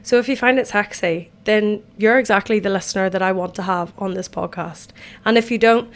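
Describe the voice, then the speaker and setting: A young Irish woman in her twenties hosts her own podcast, chatting casually from an empty bathtub at home. She rambles in a self-deprecating way, her voice a bit croaky from a night out. Her pitch is medium and her pace fairly quick.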